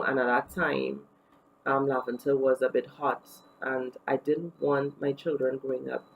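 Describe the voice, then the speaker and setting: Trinidadian woman for a casual beauty vlog; gravelly fry, open and talkative. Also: a bass voice, narrow, tinny audio, slight background noise. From Trinidad and Tobago. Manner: chatty and candid, with many fillers. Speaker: beauty vlogger. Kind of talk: casual get-to-know-me vlog.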